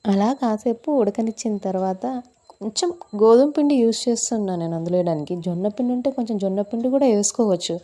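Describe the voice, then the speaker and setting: A mother narrates her cooking in a casual vlog from a small, stuffy kitchen. She chats freely and keeps asking viewers questions. Her voice is mellow and soft-edged. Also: mid-range voice, fast talker. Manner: chatty, asks viewers questions. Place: small hot kitchen room.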